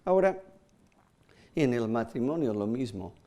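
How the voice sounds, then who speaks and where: A man preaching a sermon, emphatic, with sudden jumps in pitch and hesitant fillers, acting out short quoted apologies. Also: expressive, a little slow, dark tone.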